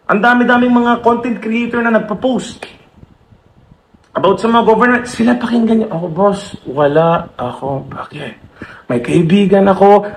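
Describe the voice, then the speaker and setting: A man in his thirties from the Philippines, ranting emphatically in a vlog, calling his viewers boss and slipping into English. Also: extremely high pitch. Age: 30s. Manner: emphatic, keeps addressing listeners as boss, mixes in English. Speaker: blogger. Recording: roomy echo.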